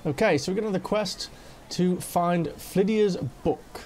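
Brief: high-voiced male gamer, casual play-by-play commentary. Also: a little slow, a little mellow, slight background noise. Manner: reads game dialogue aloud, chatty. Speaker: let's play host.

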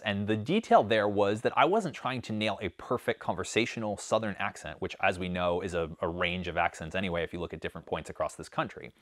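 A man's voice: low voice, a bit bright, no room sound, studio quality. A man from the Northeastern United States with a slight Northeast accent, giving a conversational academic presentation with frequent fillers. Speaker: communication professor presenting research.

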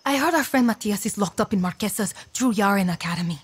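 A woman's voice: mid-range voice, lively intonation, fast, slightly rough. A woman playing an indignant, sweary young rebel in video game dialogue.

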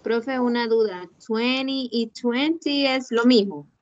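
A woman student, reading numbers aloud one at a time in an online class. Her voice is slightly high and her delivery quite slow. The sound is a little muffled, as over a video call. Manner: careful, deliberate recitation.

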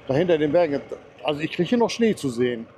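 A man rides a motorcycle on a mountain road and fires off a fast, very animated commentary for his viewers through a helmet mic, talking to himself too. His voice is fairly high yet dark in tone. A little hiss or hum runs underneath.

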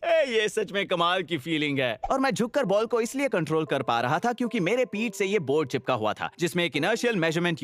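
Lively high-voiced man explaining an engineering build. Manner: upbeat, explanatory. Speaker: engineer vlogger. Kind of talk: dubbed scripted narration.

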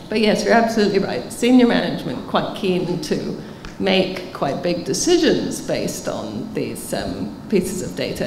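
During conference Q&A, a keynote speaker, a woman in her 50s, responds to questions in an emphatic, explanatory way; her voice is on the low side. Picked up by a table mic, the audio carries the echo of a large hall, faint ambience and slight hiss or hum.

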